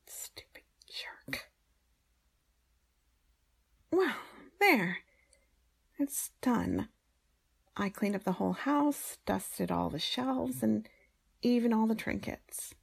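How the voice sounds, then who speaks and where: A woman playing a grudging, teasing maid in an intimate audio role-play, with exasperated, breathy asides and a husky, creaky voice. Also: a little high, exaggerated voice. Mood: smug, teasing.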